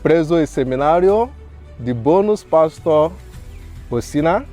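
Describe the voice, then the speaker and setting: Man, priest, 30s, slightly high voice, very slow, earnest testimony. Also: lively intonation, dark tone, faint music behind. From Nigeria. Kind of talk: reading a prepared testimony.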